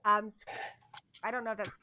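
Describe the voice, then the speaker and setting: A woman's voice: medium pitch, flat delivery, fairly quick, a crowd in the background. A woman hosting a casual chat in an eager, gushing, playful manner. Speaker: host.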